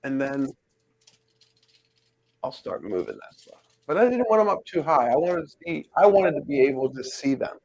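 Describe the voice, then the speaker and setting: A man's voice: on the high side, very animated, moderate pace, pauses often, darkish tone, slight background noise, rough recording. A man chatting casually about his collection, rambling and thinking aloud as he works. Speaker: pin collector host. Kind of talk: casual chat while hanging pins.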